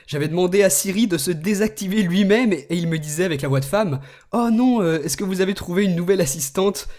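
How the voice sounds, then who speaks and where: A man hosting a tech video, explaining a phone's features in a relaxed way and speaking commands to it. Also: high voice. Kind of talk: screen demo tutorial.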